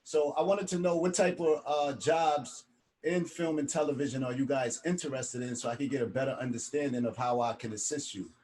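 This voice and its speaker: A man's voice: mid-range voice, fairly quick, a little mellow. Casual man teaching an online class. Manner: casual, keeps adding "right?". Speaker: instructor. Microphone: video call.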